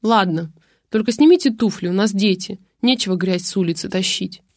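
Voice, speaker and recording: This is an irritable young father who barks short, rude orders, as a woman reads him out. He is quick to shout, and he sounds dry and close to the mic. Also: medium pitch, no echo, lightly acted. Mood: curt. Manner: curt, barking.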